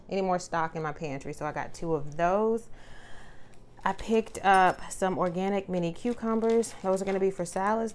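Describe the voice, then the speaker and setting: A woman narrating a grocery haul at her kitchen counter in a relaxed, chatty way with lots of fillers. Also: fairly low pitch, slight background noise. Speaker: vlogger showing a grocery haul. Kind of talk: casual narration over product shots. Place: indoors at a home kitchen counter.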